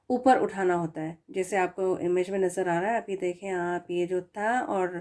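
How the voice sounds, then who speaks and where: A woman teaching Quran recitation, explaining each letter slowly, sounding out syllables and drawing out example words. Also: medium pitch, darkish tone. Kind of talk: spoken lesson on letter pronunciation.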